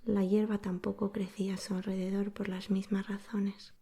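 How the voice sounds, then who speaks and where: Female bedtime-story narrator, ASMR: soft breathy whisper, relaxed, soothing, level intonation. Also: mid-range voice. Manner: soothing, slow-paced, hushed narration.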